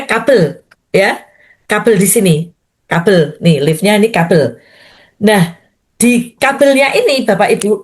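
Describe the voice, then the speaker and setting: An older woman pastor, telling a personal testimony in a morning prayer sermon and often addressing her listeners directly. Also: mid-range voice. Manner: storytelling, addressing listeners as Bapak Ibu.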